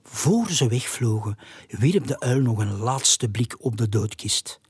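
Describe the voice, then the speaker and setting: Breathy, slow storybook narrator. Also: medium pitch, expressive. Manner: hushed, half-whispered narration. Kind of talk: storybook reading aloud.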